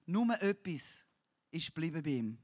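A man preaching a sermon, swinging between loud emphatic cries and low, quiet passages, with some blunt everyday words. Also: very animated, moderate pace. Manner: uses crude everyday words.

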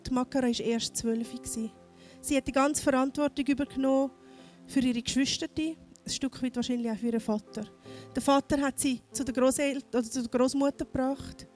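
Woman, from Cambodia, high voice, heartfelt church testimony, faint music behind. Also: a little mellow. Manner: earnest storytelling, non-native phrasing. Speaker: missionary speaker. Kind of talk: personal testimony sermon.

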